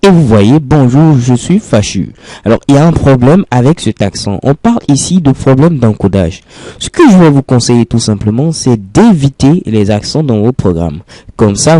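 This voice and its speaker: Speaking French over a screen recording, a man walks through a programming lesson step by step, patiently repeating the key phrases. His mid-range voice has a mellow quality, and the recording is dry.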